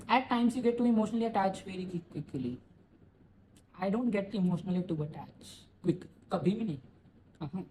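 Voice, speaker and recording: Fast-talking joking young man vlogger. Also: on the high side, noisy background. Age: young adult. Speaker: YouTuber. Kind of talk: casual vlog, reacting to a reading.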